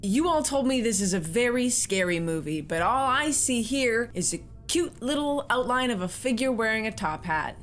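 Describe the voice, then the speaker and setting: Animated woman reacting to a horror film. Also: fairly high pitch, normal speed, few pauses. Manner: animated, giggly, exclaiming. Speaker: horror movie reaction host. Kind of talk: casual reaction commentary.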